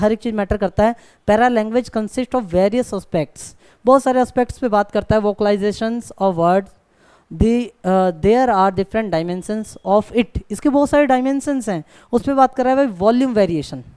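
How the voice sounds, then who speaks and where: Mellow smooth-voiced male tutor. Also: high-pitched, no room sound, studio quality. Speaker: exam-prep tutor. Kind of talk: online exam-prep lecture.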